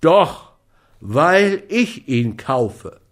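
A man voicing a stern, forceful man who gives orders and threats in a loud, firm voice. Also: on the high side, very animated, very slow, pitched above the performer's own voice, full character voice. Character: commanding, stern adult man, mining expert.

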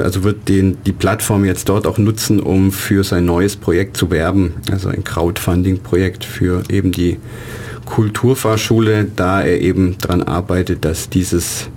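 A man's voice: deep voice, little pitch movement, unhurried, a little mellow, slight background noise. A man, an artist and exhibition organizer, giving rambling radio interview answers with many fillers.

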